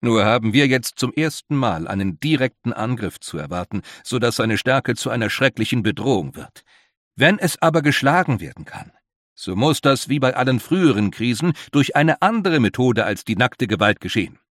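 A man's voice: mid-range voice, sing-song, moderate pace, a bit bright, dry recording. A grave, worried older leader, as a male reader puts him on, who presses his points in an earnest, emphatic way. The voice is dry and close, like a storybook read aloud.

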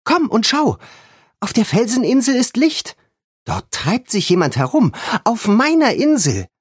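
A man's voice: a little high, very animated, a little slow, breathy edge, no echo, clean studio sound, pitched above the performer's own voice, full character voice. A man voicing a stubborn, tomboyish girl who is fierce and proud of what is hers. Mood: urgent. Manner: rising sharply to urgent shouting when alarmed.

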